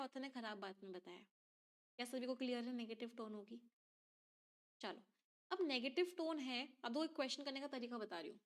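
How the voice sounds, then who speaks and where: A woman teacher explains an exam passage step by step and keeps asking her class questions. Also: sits high. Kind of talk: exam reading-comprehension lesson.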